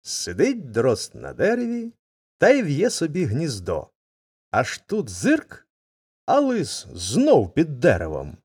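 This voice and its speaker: A man narrating a folk tale aloud with expressive, dramatic intonation. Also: fairly high pitch, takes it slowly, husky, dry recording, studio quality. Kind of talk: storybook reading.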